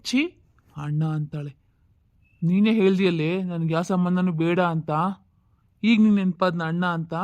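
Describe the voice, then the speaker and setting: A woman's voice: on the low side, a little mellow, dry recording, dull audio, lightly acted. A woman doing a threatening angry older brother. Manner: threatening, reproachful. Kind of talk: comedy skit acting.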